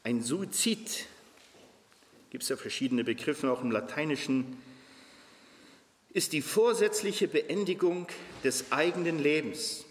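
A man's voice: on the high side, lively intonation, measured pace, long pauses. A man in his fifties preaching a sermon as a pastor, earnest, his voice climbing when he reads scripture aloud. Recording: echoey hall with long reverb.

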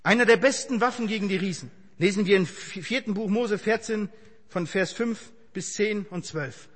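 Husky high-voiced fervent preacher. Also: male voice, normal speed, a bit bright, long reverb tail. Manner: fervent, speaks straight to the congregation. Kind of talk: impassioned sermon. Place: church hall with congregation.

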